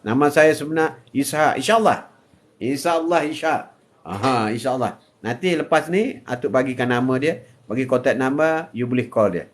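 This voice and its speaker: A man's voice: medium pitch, moderate pace. Jovial older Malaysian man chatting live. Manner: jokey, laughs often, mixes in English phrases. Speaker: live stream host. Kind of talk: casual live-stream chat reading comments.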